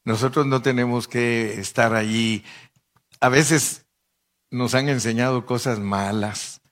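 A middle-aged man preaching a storytelling sermon, talking conversationally to the congregation and acting out voices with sudden pitch jumps. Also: fairly even intonation, slow pace, a bit bright. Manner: addresses listeners as brother, conversational. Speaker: pastor.

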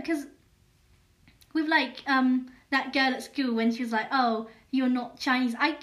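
A young-sounding woman with a slightly high voice hosts her own podcast. She talks candidly and hesitantly, full of "like" and restarts, reflecting aloud. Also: a bit bright. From England. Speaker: podcast host. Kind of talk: personal podcast monologue.

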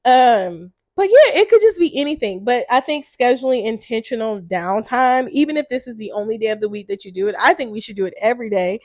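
A woman's voice: on the high side, expressive, a little fast, few pauses, darkish tone, dry recording. A woman in her thirties hosting a casual solo podcast, chatty and full of "like", with a stuffy, congested nose. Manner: chatty, says "like" a lot. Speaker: podcast host.

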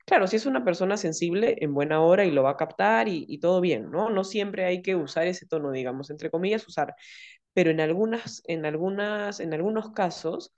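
A woman's voice: lowish voice, brisk, dull audio. A woman therapist, explaining ideas in a casual podcast conversation and often acting out quoted dialogue. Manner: explanatory, acts out quoted dialogue in lively voices.

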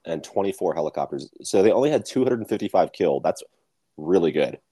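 A man's voice: deep voice, animated, quick pace, mellow, slightly rough, dry recording, clean studio sound. A young man co-hosting a casual podcast, chatting about history and joking with his co-host. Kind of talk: casual chat.

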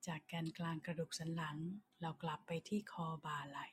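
A woman leading a slow guided body-scan meditation for sleep in a soft, breathy, near-whispering voice, soothing and unhurried, speaking in short phrases with long pauses. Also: deep voice, level tone, slight background noise. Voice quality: soft, breathy voice that often slips toward a whisper. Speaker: guided relaxation leader.

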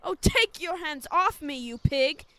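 Woman as Lola, high-voiced frightened heroine. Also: big pitch swings, noisy background. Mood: angry fear. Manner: hesitant, halting. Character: Lola, frightened, wary young woman in danger. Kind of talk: horror audio drama acting.

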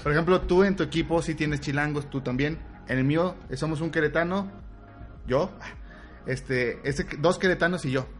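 A man's voice: on the high side, normal speed, soft background music. A man co-hosting a podcast in casual chat, teasing and explaining things. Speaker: podcast co-host.

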